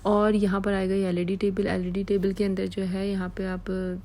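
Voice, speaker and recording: A woman's voice: medium pitch, monotone, moderate pace, warm tone, poor audio. A woman from Pakistan giving a chatty, affectionate vlog tour of her small apartment, repeating words like "pyari si". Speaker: vlogger.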